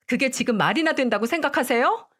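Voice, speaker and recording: A woman's voice: high voice, expressive, fast, fairly bright tone, voice pushed up. A fed-up young wife who talks back defiantly, her voice raised and swinging widely, as a woman acts her out. It is a dramatized story read aloud. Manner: defiant, retorting.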